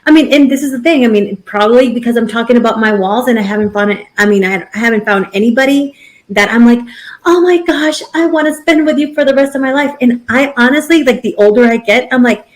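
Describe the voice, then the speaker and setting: A woman in her thirties with a fairly high voice talks quickly as a podcast co-host. The conversation is casual and rambling, full of restarts.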